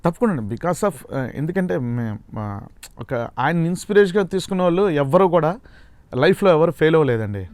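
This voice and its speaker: A man as a mimicry artist guest, soft-spoken and hesitant, chatting casually in an interview. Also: a little high, animated, brisk, dry recording.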